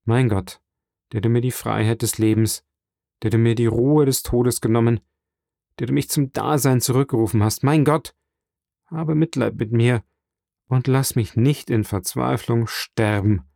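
A man's voice: mid-range voice, fairly even intonation, unhurried, creaky, warm tone, no room sound, studio quality. A man voicing a desperate young male prisoner who speaks in a pleading, fervent way. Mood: despairing.

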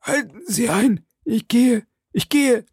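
A man's voice: sits high, moderate pace, creaky, a little mellow, breathy edge, no room sound, clean studio sound, pitched above the performer's own voice, full character voice. A man voicing a wounded, frightened soldier and hired assassin who pleads and stammers, weak from blood loss. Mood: pleading. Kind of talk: audiobook character reading.

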